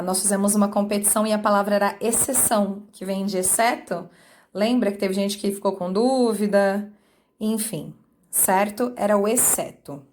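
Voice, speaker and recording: A woman teacher with a Brazilian Portuguese accent explaining a grammar lesson to her students. She stretches example words out slowly and keeps checking that they follow along. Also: medium pitch, darkish tone. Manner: slow, drawn-out sounding of example words. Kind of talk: online class explanation.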